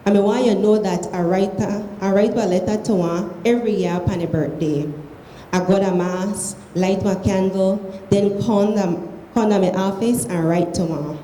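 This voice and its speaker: A woman with a Belizean accent reads a short story aloud in a soft, mellow voice. The room rings with echo and there is faint noise behind the measured, expressive delivery. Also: mid-range voice. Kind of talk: literary reading aloud of prose fiction.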